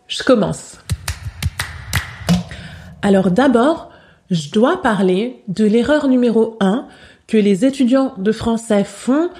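A woman teaching spoken in a podcast lesson, saying each example slowly and carefully and repeating it for learners. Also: a little high, warm tone. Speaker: French teacher.

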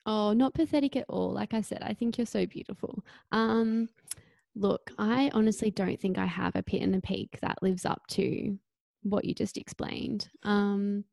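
Young woman co-host, reflective, gravelly fry, dry mic. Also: mid-range voice, fairly even intonation, moderate pace, a little mellow, no echo. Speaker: podcast co-host. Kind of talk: casual chat.

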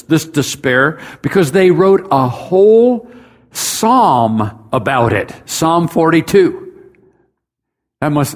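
Conversational man preaching a sermon. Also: a little high. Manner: conversational, speaks directly to the congregation; builds to emphatic rhetorical questions. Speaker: pastor.

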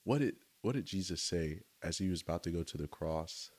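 A man's voice: low voice, animated, fairly quick, a little mellow, husky. A man giving a casual, enthusiastic devotional talk outdoors, speaking conversationally to his listeners. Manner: enthusiastic, conversational, often says "right?" and "y'all". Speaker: faith speaker.

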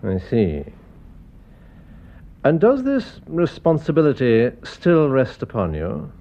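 Here a male actor, heavily theatrical, voices a distinguished English doctor of Harley Street for a classic radio play, formal and commanding in a Received Pronunciation accent. The tone is dark and the medium pitch swoops wildly, while he stays measured and probing with an authoritative bedside manner. The audio is muffled.

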